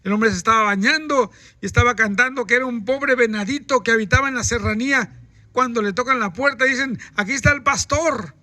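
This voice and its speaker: A man's voice: extremely high pitch, brisk, bright, forceful tone, no echo. A man, a pastor preaching a sermon and putting rhetorical questions to the congregation.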